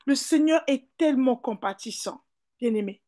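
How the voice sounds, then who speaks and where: A French-accented woman pastor delivers a fervent sermon, repeating calls of "hallelujah" and "beloved" as she swings between emphatic peaks and soft asides. Her voice is high and animated at a normal speed.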